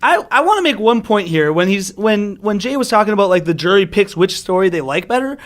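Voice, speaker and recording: A man co-hosting a podcast, recapping a film and ranting in an animated way with casual swearing. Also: high voice, a little fast. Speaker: podcast co-host.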